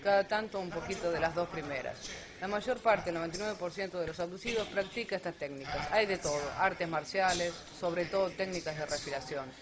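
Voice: mid-range voice, brisk. Explaining speaker over crowd noise. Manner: explanatory, rhetorical questions. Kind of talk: lecture on alien abduction.

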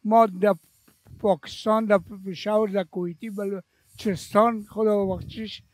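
A man's voice: high-pitched, little pitch movement, darkish tone, no echo. An older man with an Afghan Dari accent, a veteran singer, reminiscing emotionally and a little rambling as a guest on a TV chat show. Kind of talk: casual TV chat. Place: TV studio.

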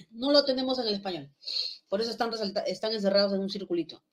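A woman's voice: mid-range voice, quick pace, a bit bright. Peruvian woman lecturing with frequent checks. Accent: Peruvian Spanish (Lima). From Lima, Peru. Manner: explanatory, many checks like ¿ya? and ¿no?, demonstrates sounds aloud. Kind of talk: online class lecture.

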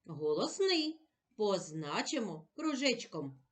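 A woman teacher with a Ukrainian accent giving a children's reading lesson, slowly sounding out letters and syllables. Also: mid-range voice, big pitch swings. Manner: slow, clear, sounding out syllables for young children.

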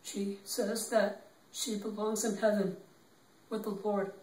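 An actor playing a young man who gently consoles his grieving girlfriend, speaking in a halting, tearful, repetitive way. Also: sits high, flat delivery. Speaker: actor in an improv demo reel. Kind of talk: improvised dramatic monologue. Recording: roomy, distant from the mic.

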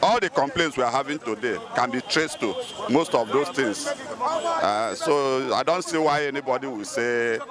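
A middle-aged man speaks in an ordinary mid-range voice, measured and pausing often. A loud crowd fills the street behind his handheld mic. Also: mid-range voice, expressive. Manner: measured, with frequent uh pauses. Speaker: passer-by interviewed in the street. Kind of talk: street vox pop opinion. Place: busy city street outdoors. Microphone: handheld mic held by interviewer.

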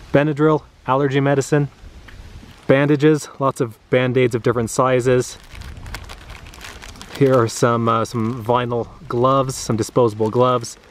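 A man in his thirties casually talking through the items he keeps in his car, with a relaxed, chatty delivery and frequent "uh" fillers, recorded outdoors in a grassy clearing. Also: mid-range voice, a little hiss or hum. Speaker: vlogger. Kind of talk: casual show-and-tell.

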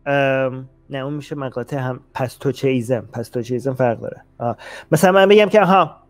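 A man's voice: medium pitch, faint music behind. A male host explaining ideas in a casual, hesitant way, often restarting and checking in with the listener. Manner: hesitant, frequent restarts and "okay?" check-ins. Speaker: host of a talk show. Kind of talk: casual explanatory talk on logical fallacies.

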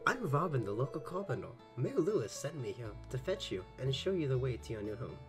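A man's voice: medium pitch, big pitch swings, fairly quick, natural voice. A man reading aloud the lines of a friendly female village carpenter from a farming game, plainly in his own voice, with faint game music behind. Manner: reads the dialogue aloud plainly, without a female voice.

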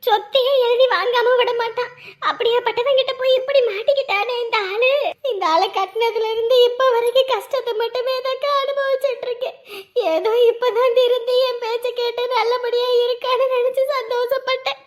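A woman's voice: very high-pitched, fairly even intonation, fairly quick. A woman playing a village woman who laments, comforts and scolds her distressed friend. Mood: lamenting. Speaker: neighbor older-sister figure. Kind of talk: rural Tamil drama acting.

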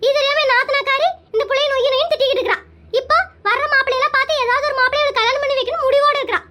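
A performer voicing a bossy middle-aged village aunt in a comic cartoon, talking loudly and scolding. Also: very high-pitched, fairly even intonation, rapid-fire, voice pushed up. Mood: loud indignant. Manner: loud, scolding, boastful.

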